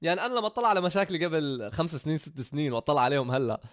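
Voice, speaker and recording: Casting: man, casual talk-show host, rapid delivery, slightly high voice. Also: no echo, clean studio sound. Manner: quick, animated, acts out quotes. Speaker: content creator hosting a conversation. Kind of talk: casual chat.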